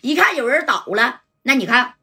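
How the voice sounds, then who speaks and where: A woman narrating a gangster story in a folksy, lively way, with asides to the listener. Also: high-pitched, moderate pace, slightly rough.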